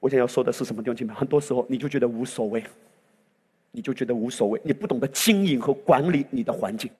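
Husky-voiced preacher in a reverberant hall. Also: male voice, medium pitch, quick pace, darkish tone. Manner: impassioned preaching that swells to exclamations. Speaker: pastor. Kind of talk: sermon.

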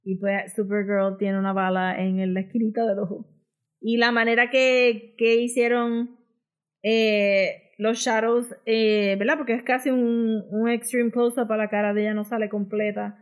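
A woman with a Puerto Rican Spanish accent co-hosts a comics podcast, chatting casually and often dropping English words and phrases into her Spanish. Her voice is a little high with little pitch movement, and she keeps a measured pace.

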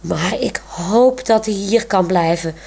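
A woman's voice: medium pitch, slow, creaky, darkish tone, husky, heavily acted. A woman reading aloud voices a bubbly, affectionate young woman who teases playfully. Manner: giggly, teasing.

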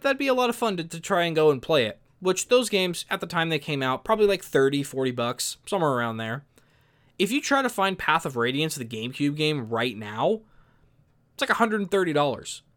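A man's voice: on the high side, expressive, fairly quick, a bit bright. Exasperated young man ranting. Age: young adult. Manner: opinionated and exasperated, with many restarts. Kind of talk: casual commentary.

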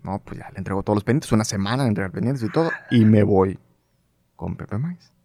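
The speaker is a middle-aged broadcast journalist with a northern Mexican accent and a low voice, talking a little fast. In a casual interview he tells lively anecdotes, acting out the lines he quotes and using frequent fillers. The recording is dry and studio quality.

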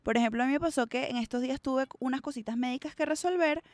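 Venezuelan woman co-host, direct and slangy, fairly high voice, acts out what others say. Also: quick pace, no echo. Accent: Venezuelan Spanish. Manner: blunt, slangy, animated, acts out quoted voices. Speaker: podcast co-host. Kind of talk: casual chat.

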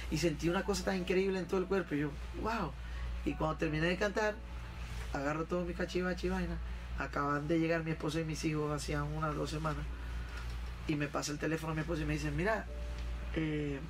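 A man, a guest in an interview, telling an emotional personal story in an animated, slangy way. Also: on the high side, distant mic, background noise.

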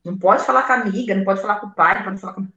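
Woman, Brazilian Portuguese accent, mid pitch, explanatory, echoey room. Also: rapid-fire, sharp tone, dull audio. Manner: explanatory, repeating points with rhetorical checks. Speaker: guest. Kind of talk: casual chat.

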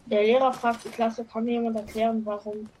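A woman's voice: a little high, little pitch movement, brisk, heavy background noise. A woman on a live stream reading jokes from the internet aloud and calling them illogical. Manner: reads jokes from her screen, mocks them as illogical.

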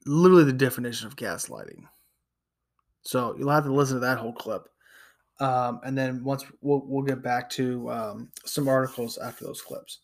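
A man hosting a podcast in a casual, halting, loosely rambling way. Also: mid-range voice, vocal fry. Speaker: podcast host. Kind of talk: casual talk, introducing clips.

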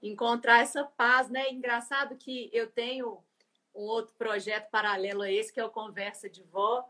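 Female interviewer, higher voice, reflective, pauses to search for words. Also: little pitch movement, pushed and bright. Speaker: host. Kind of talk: interview conversation.

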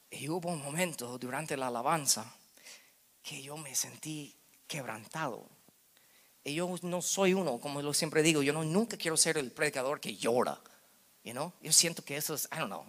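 A pastor in his thirties preaches a sermon in Spanish sprinkled with English words, his slightly high voice swinging between loud bursts and hushed asides.

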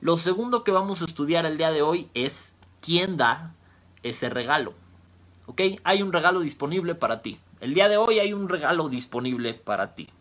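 A man's voice: a little high, expressive, normal speed, fairly bright tone. A man giving a sermon, explaining Bible word roots step by step and repeating key phrases. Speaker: preacher. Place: home, via online stream.

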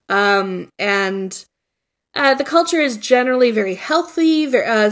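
A woman co-hosting a relaxed conversational podcast. She rambles, trips over her words and fills gaps with ums and uhs. Her pitch sits in an ordinary middle range. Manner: rambling with many fillers and restarts. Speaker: podcast co-host. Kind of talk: casual chat.

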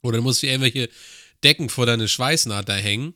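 A man's voice: mid-range voice, fairly quick, pushed and bright, no echo, clean studio sound. A man telling a long work story in casual podcast chat, with crude slang and acted-out dialogue. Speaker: podcast co-host.

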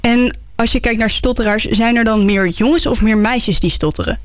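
A woman presenter introduces the topic and interviews a guest, her questions clear and curious. Her voice sits a little high. The sound is dry and close, with no room around it. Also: normal speed, no room sound. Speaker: host.

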